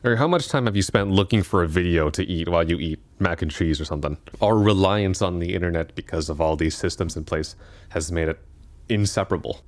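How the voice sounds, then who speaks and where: A man with a low, deep voice talks through a video essay. He keeps it casual and chatty, breaking off for asides and correcting himself as he goes. The sound is dry and close, with no room around it. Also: no echo.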